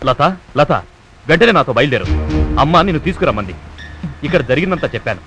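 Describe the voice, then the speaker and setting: A man's voice: fairly high pitch, sing-song, fast. An actor playing a young man, the wife's protective cousin, polite yet indignant. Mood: urgent. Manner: polite but indignant, urgent pleading. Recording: film soundtrack with music behind.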